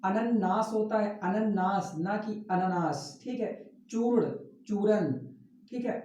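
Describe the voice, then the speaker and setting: A man's voice: sits high, warm tone, slight background noise. Man teaching spelling in an echoey room. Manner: repeats each word slowly, drilling correct forms. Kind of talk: spelling lesson for exam students. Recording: roomy, distant, dull lo-fi classroom recording.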